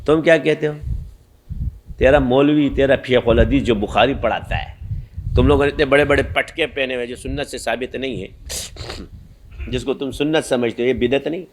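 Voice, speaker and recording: A man preaching a sermon, scolding and emphatic, who keeps asking rhetorical questions and answering them himself. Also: mid-range voice.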